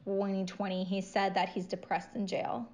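A young woman in casual podcast chat, talking bluntly with plenty of swearing and filler words. Her voice sits at an ordinary middle pitch. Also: completely flat delivery, moderate pace, darkish tone. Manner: blunt, profane, lots of "like". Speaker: podcast co-host.

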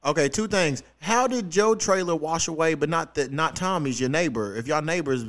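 High-pitched, animated, teasing man. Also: normal speed. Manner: slangy, profane, teasing. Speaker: podcast host. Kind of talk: casual comedic chat.

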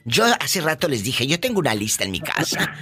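A man's voice: medium pitch, sing-song, a little fast, sharp tone, breathy edge. A man hosting a call-in radio show, chatting in a playful, teasing, gossipy way. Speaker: radio host. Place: radio studio.

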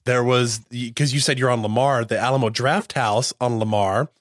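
A man hosting a casual interview, recalling how the city has changed in a slow, measured way. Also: medium pitch, dry recording, studio quality.

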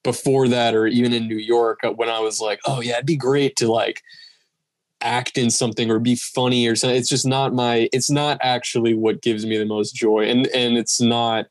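A man's voice: medium pitch, little pitch movement, moderate pace, no room sound, studio quality. A man in his twenties co-hosting a casual podcast chat, rambling with many restarts and fillers. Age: 20s. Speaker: podcast co-host.

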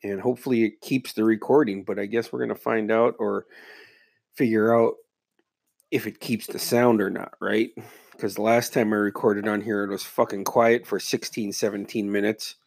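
A man's voice: fairly low pitch, flat delivery, moderate pace, creaky, a little mellow. Muffled, stuffed-up man rambling on a podcast. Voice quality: muffled, congested, stuffy-nosed. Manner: laid-back, rambling, heavy swearing. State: under the weather with a stuffy nose and slight cough. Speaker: podcast host. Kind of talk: casual solo podcast monologue.

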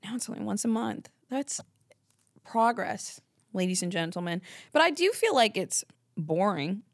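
A woman's voice: mid-range voice, expressive, normal speed, no room sound, clean studio sound. A woman hosting a podcast alone, talking in a rambling, candid, casual way and swearing now and then. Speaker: podcast host. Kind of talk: casual solo chat.

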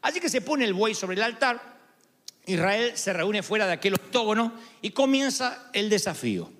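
A man's voice: high voice, big pitch swings, normal speed, fairly bright tone. A man preaching a sermon, telling a story dramatically and adding humorous asides. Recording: long hall reverb.

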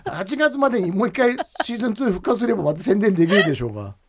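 A man's voice: high voice, big pitch swings, a little hiss or hum. A man in his fifties with an Akita accent, a guest teasing and joking in casual chat. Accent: Akita dialect. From Akita, Japan. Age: 50s. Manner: teasing, playful, quick to joke. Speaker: podcast guest, comedian.

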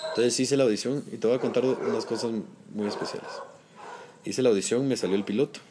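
A man with a Guatemalan accent, an actor telling stories from his career in a casual interview, animated and full of slang, acting out the voices he quotes. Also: medium pitch, quick pace, background noise. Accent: Guatemalan Spanish. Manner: animated storytelling, heavy slang, acts out quotes.

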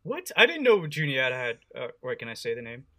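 A young man in his twenties co-hosting a podcast, chatting casually with quick, quizzical banter. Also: medium pitch, huge pitch swings, pushed and bright. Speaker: podcast co-host. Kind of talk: casual chat.

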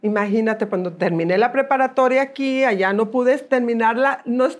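A woman's voice: a little high, moderate pace. Middle-aged Mexican woman telling her story. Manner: animated, acts out quoted voices. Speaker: interview guest. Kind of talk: conversational storytelling.

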